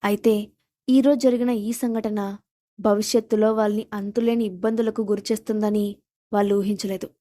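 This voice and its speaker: A woman narrating a scripted audio story in a steady, dramatic reading style. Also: medium pitch, moderate pace, dry recording, studio quality.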